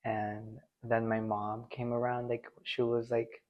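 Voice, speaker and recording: A man's voice: mid-range voice, level tone, takes it slowly, highs cut off. A young man from Chicago interviewed for a documentary, speaking plainly with some hesitation. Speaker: student interviewee.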